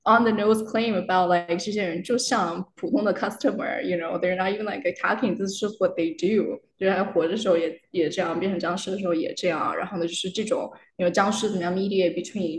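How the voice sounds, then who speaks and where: A woman's voice: fairly low pitch, fairly even intonation, brisk. Code-switching young woman in a roomy space. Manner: switches between Chinese and English mid-sentence with many fillers. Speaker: guest, doctoral candidate. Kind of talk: casual academic chat. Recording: roomy with faint noise.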